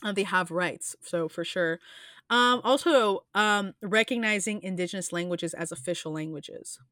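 A woman's voice: lowish voice, moderate pace, bright, forceful tone, dry recording, studio quality. Earnest rambling woman podcast host. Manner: earnest, rambling with many restarts and fillers. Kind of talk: casual podcast chat.

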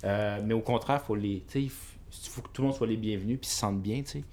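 A woman speaks in a casual panel chat, chatty and fond of jokes. Her voice is extremely low for a woman. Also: quick pace, darkish tone.

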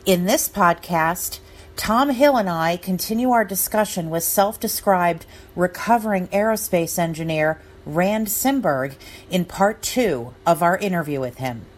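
A woman hosting an interview podcast, speaking conversationally in measured, careful short phrases. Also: medium pitch, expressive.

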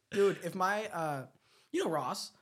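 A young man chatting as a guest, easygoing, with relaxed slang. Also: sits high, slow, crowd noise. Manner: easygoing, laid-back slang. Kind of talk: casual chat.

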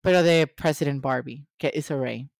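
A woman's voice: low-pitched, normal speed, vocal fry, a little mellow, dry recording, clean studio sound. A Puerto Rican woman in her twenties chatting casually in Spanglish, dropping English words into her Spanish. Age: 20s. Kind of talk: casual chat.

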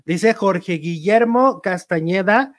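A man with a Mexican accent hosting a casual celebrity gossip chat, lively and talkative. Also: high-pitched, slow, dry recording, studio quality. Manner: chatty, lively, reads viewer messages aloud. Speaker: show host.

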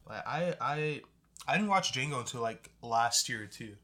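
A man's voice: mid-range voice, lively intonation, normal speed, bright, forceful tone. Young bro-talking man chatting casually. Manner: frat-bro slang, laid-back and profane. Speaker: podcast co-host. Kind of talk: casual chat about movies.

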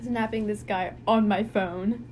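A woman's voice: medium pitch, fairly even intonation, unhurried, darkish tone, a little hiss or hum. A young woman co-hosting a casual chat, teasing her friend and chiming in with laughs. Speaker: podcast co-host.

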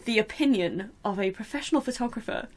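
A woman hosting a podcast, chatting in a lively, animated way. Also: a little high, a crowd in the background. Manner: chatty, animated, quick to laugh. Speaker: podcast host. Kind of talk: casual chat.

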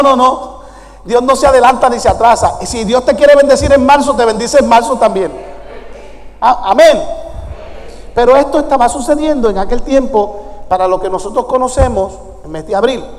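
Un pastor que predica con énfasis y hace preguntas a la congregación en una iglesia. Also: male voice, extremely high pitch. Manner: emphatic preaching with questions to the congregation. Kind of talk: sermon. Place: church sanctuary. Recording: long church hall reverb.

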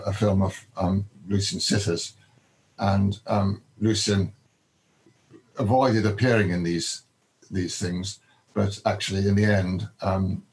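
An older man, a biographer, answering interview questions in a halting way, with many ums and restarts. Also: sits low, vocal fry, darkish tone, rough recording.

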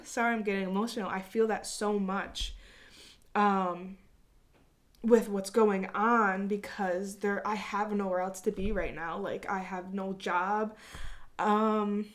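A woman talking to her viewers in a reflective personal monologue, earnest and rambling, with casual swearing. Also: mid-range voice. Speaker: vlogger.

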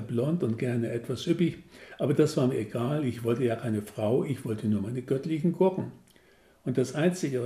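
A man's voice: medium pitch, warm tone. A man in his sixties reading his own humorous story aloud in a wry, self-mocking way. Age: 60s. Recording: roomy echo.

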